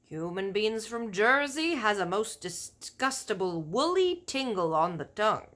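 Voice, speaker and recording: This very animated mid-range female voice brings a giant to life for a kids' storybook, loud and boisterous. The giant brags and explains in drawn-out, emphatic declamations full of garbled folksy grammar.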